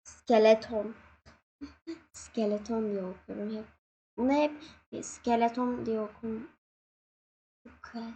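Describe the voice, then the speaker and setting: A young woman casually commenting on her gameplay, excitable, laughing and yelping when scared. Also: on the high side, takes it slowly, long pauses, breathy edge, dull audio. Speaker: gaming channel host.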